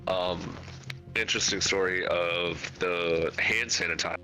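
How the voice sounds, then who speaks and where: A man's voice: sits low, unhurried, faint music behind, rough recording. A man chatting casually while gaming, his voice breaking up over a bad wireless headset connection. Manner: rambling, relaxed storytelling with fillers. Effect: voice cutting out over a bad wireless headset connection.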